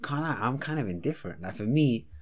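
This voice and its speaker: A man's voice: mid-range voice, animated, quick pace, darkish tone. A young man with a London roadman accent, chatting casually with a friend in a laid-back, slangy way. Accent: London, roadman slang style. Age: young adult. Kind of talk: casual banter between friends.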